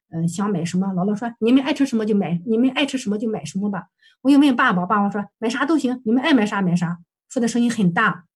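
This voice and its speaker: A woman's voice: mid-range voice, husky. A woman counselor presenting a client case for supervision, recounting session dialogue hesitantly with many fillers and self-corrections.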